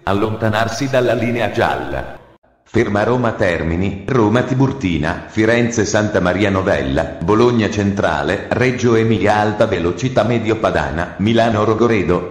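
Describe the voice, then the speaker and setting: A man gives train station announcements in a measured, formal way. His voice sits fairly low and rings out through an echoey hall. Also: animated.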